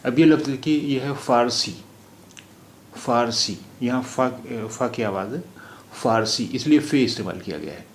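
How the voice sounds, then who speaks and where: A man teaching Urdu pronunciation, repeating each word slowly for the learner to drill. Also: medium pitch, reverberant, a little hiss or hum. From India. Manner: slow, repeats words for drill. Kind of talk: phonetics lesson.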